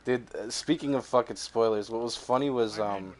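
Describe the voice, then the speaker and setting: A man's voice: medium pitch, moderate pace, a little mellow. Profane rambling young man. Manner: rambling, profane, laughs often. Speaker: podcast co-host. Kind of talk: casual chat.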